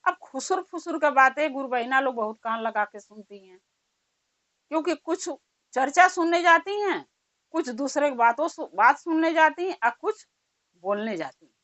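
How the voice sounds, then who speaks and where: A woman's voice: high voice, expressive, normal speed, a bit bright, no room sound. A woman storyteller narrating a devotional folk story in a conversational, folksy way.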